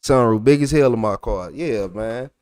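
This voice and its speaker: A young adult man with a thick Texas accent reads chat comments and reacts to them during a casual livestream. His mid-range voice has a darkish, clean tone and a moderate pace. The recording is clean studio sound without echo.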